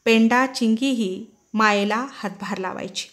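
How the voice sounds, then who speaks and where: A woman giving an expressive, dramatic reading of a short story. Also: a little high, measured pace. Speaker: story reader.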